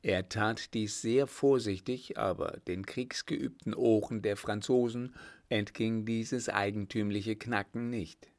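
A man reading a classic adventure novel aloud as an audiobook narrator, in a steady, measured storytelling manner. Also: lowish voice.

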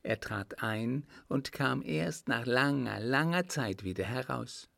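A man reading aloud and voicing an eager, bright little boy who asks earnest questions. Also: mid-range voice, slow, vocal fry, no room sound, clean studio sound, full character voice. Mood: telling.

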